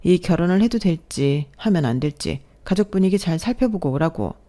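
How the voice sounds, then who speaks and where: Lady voicing a jaded older sister, blunt, kinda dark mellow voice. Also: fairly low pitch, animated, fairly quick, close to an everyday voice. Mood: knowing. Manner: blunt, knowing.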